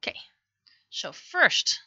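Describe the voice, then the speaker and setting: A digital artist on a livestream thinks aloud casually in short fragments while she draws. Her voice is slow, bright and forceful, and the sound is lo-fi.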